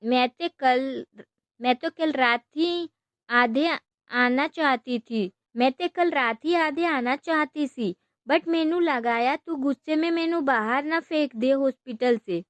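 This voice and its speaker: A woman's voice: sits high, slow, no echo. A woman voicing a young, gushing best friend, pleading through tears in a storybook. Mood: tearful pleading. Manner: emotional, pleading, mixes Punjabi and English words.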